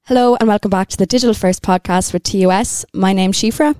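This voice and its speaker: A woman's voice: mid-range voice, fast talker, warm tone, dry recording, studio quality. A young woman with an Irish accent, hosting a podcast and asking questions in a casual interview style. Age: young adult. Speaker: podcast host.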